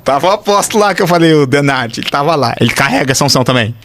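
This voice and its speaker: Brazilian man, pastor, gravelly voice, lively swooping pitch, excitable storyteller. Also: rapid-fire, slight background noise. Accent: Brazilian Portuguese. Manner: excitable storyteller, shouts and sound effects. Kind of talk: animated testimony in casual chat.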